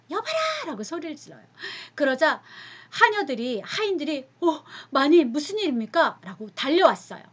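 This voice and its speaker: A woman's voice: medium pitch, slightly rough. A woman teaching a youth group, telling a Bible story as a sermon; she speaks animatedly, asks the listeners questions and drops to a whisper at times.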